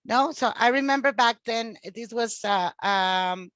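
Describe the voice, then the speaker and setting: A woman's voice: fairly high pitch, a little slow, a bit bright, no echo, highs cut off. A woman in her forties from Mexico, a teacher talking as a podcast guest, chatty with many fillers and restarts. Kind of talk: casual interview talk.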